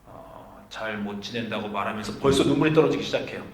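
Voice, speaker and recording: Storytelling pastor in an echoey sanctuary. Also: male voice, on the low side, fast. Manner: storytelling, acts out quoted voices. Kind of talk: sermon. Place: church sanctuary. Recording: echoey room.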